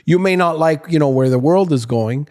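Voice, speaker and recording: A man's voice: fairly high pitch, fairly quick, darkish tone. A man co-hosting a podcast in casual chat, giving opinions in a wry, easygoing way. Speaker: podcast co-host.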